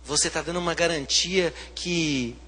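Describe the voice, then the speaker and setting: Bright fervent Brazilian pastor in a hall. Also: male voice, on the high side, moderate pace. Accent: Brazilian Portuguese. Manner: swings from hushed to loud, fervent preaching. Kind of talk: sermon.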